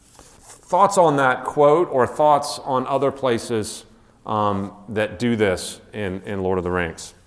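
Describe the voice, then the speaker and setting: A man's voice: medium pitch, slow, big-room sound. A male teacher giving an enthusiastic classroom lecture, with frequent restarts and asides. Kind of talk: classroom lecture with read-aloud passages.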